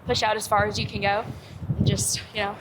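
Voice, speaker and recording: Young female athlete, monotone coaching, heavy outdoor noise. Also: mid-range voice, a little fast. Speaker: college softball pitcher. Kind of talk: casual instruction.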